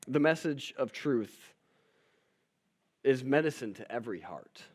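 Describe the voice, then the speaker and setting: A man's voice: mid-range voice, animated, unhurried. A young male pastor giving a sermon in a casual, humorous storytelling manner.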